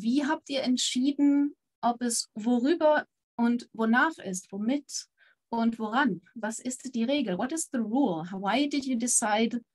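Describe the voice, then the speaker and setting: A woman teaching a live online German lesson, encouraging her students and switching between German and English to explain. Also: a little high. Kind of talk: online language lesson with quiz.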